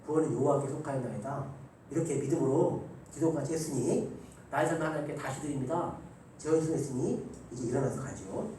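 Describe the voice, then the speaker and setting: A man's voice: mid-range voice, fairly quick, mellow, heavy reverb, distant mic, a little hiss or hum, low-quality recording. A man preaching a Sunday afternoon sermon as the pastor. He acts out the voices of the people in his stories. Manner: congregation joins in reading scripture aloud. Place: church sanctuary.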